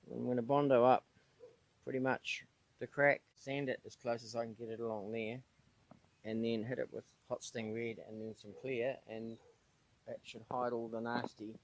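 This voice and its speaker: A man's voice: medium pitch, slight background noise. Keep it loose, a tired New Zealand man chatting as he works. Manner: chatty, easygoing, thinking aloud as he works. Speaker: boat owner and channel host. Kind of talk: casual DIY boat-repair vlog.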